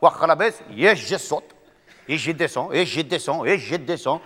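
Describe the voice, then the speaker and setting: A man's voice: high-pitched, quick pace, in a large hall. A man putting on an eager naive recruit in broken French. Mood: excited. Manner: broken grammar, excited exclamations.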